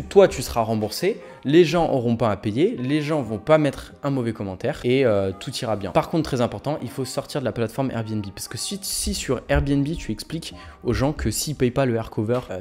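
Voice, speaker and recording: A man in his twenties giving energetic, informal advice straight to the viewer in a vlog. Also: medium pitch. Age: 20s. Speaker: real estate youtuber. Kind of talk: direct-to-camera advice vlog.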